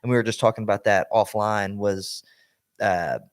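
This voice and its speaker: Rambling, low-voiced man chatting. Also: fairly even intonation, normal speed. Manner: rambling storyteller, many fillers and restarts. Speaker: podcast co-host. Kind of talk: casual chat.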